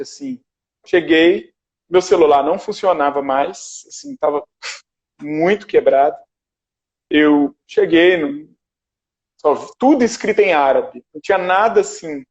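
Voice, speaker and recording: A man's voice: high voice, highs cut off. A man telling a story in casual conversation on a video call, acting out what people said to him. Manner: animated storyteller, acts out dialogue. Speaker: guest. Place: his shared house.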